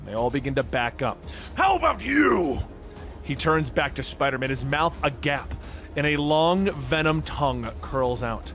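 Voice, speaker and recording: A man narrating a comic book story in a steady, dramatic storytelling manner. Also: mid-range voice, normal speed. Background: faint music.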